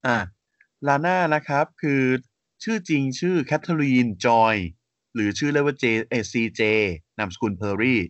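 A man co-hosting a relaxed podcast walks through facts at a steady pace, padding them with hesitant fillers and polite endings. His voice sits in a middle pitch, and the audio is dry and a little dull and muffled. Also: normal speed, dry recording. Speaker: podcast co-host. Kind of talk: casual podcast chat.

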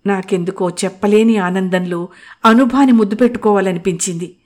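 A woman reading a first-person story aloud in an even, measured way. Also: medium pitch.

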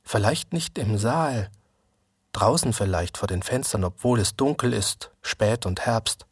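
A man reading a literary story aloud in a calm, measured manner. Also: on the low side, husky, no room sound, studio quality. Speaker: narrator.

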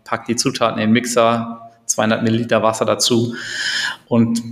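A middle-aged co-founder from Berlin, Germany, appears as a guest in a casual interview, speaking hesitantly with many fillers. His medium-pitched voice is completely flat and fairly quick, and the room is echoey with a long reverb.

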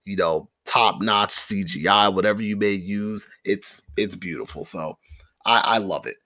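A young man co-hosting a casual podcast, animated and loose. His voice leaps up when he gets excited, and he leans on filler words as he talks. His speech stays relaxed and conversational throughout. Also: low voice, unhurried. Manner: animated, laughing, filler-heavy. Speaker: podcast co-host.

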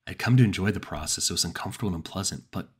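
Deep husky man narrating horror. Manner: measured, dramatic first-person storytelling. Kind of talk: scripted horror story narration.

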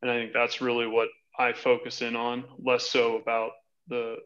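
The guest, a financial advisory director from Hawaii, United States, in his thirties, replies conversationally in an American accent during a podcast interview. He speaks in a mid-range monotone at normal speed, a bit bright, with the high frequencies cut off.

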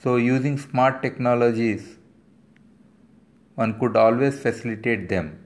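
A man delivering measured, formal commentary in short, deliberate phrases. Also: medium pitch.

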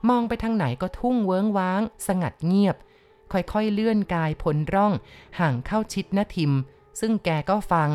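A woman narrating a ghost story in a slow, deliberate storytelling manner. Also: mid-range voice, darkish tone, clean tone. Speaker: audiobook reader.

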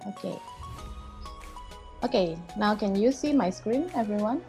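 A woman speaks over a video call, presenting slides to an online audience. Her voice sits in a middle pitch, and she walks through each point plainly, opening most sentences with "so". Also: expressive, unhurried, dark tone, soft background music. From Indonesia. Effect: heard over a video call. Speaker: learning coach presenting at an online event.

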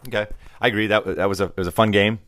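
A man's voice: lowish voice, fairly even intonation, rapid-fire, fairly bright tone, no room sound. A man, middle-aged, chatting casually and teasingly about sports as a podcast co-host, unscripted. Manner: teasing, bantering. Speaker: podcast co-host, father of the other host. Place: home basement.

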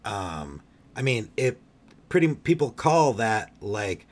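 Low-ish guy talking slow, lots of ums and likes, casual podcast chat. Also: sing-song. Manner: hesitant, many um and like fillers.

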